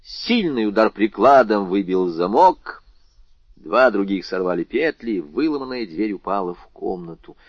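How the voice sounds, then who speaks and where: A man narrating an audiobook with dramatic, expressive storytelling. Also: fairly low pitch, measured pace, slightly rough, dry recording. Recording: dull lo-fi recording.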